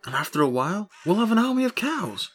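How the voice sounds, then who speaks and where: A man playing a broke farmer husband in an audio story, excitable and rambling, full of grandiose schemes. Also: mid-range voice, moderate pace, soft background music, lightly acted.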